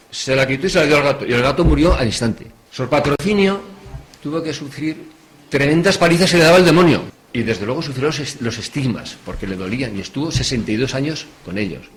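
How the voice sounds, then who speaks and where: A man giving a talk in a hotel meeting room, telling stories with lively swings between loud stress and quiet asides. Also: fairly high pitch, brisk. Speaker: speaker at a religious talk. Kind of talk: storytelling talk.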